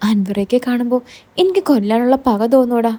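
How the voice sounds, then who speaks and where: Bitter, worn-down aunt with a mellow, fairly high voice, sorrowful and resigned, as a woman reads her. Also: fairly quick, lightly acted. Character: middle-aged woman, weary, bitter aunt.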